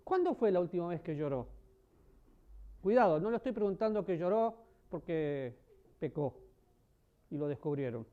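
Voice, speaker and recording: A man preaching a sermon, asking the congregation questions and swinging between loud emphasis and soft, low passages. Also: animated, normal speed, pauses often. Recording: dull lo-fi sermon recording.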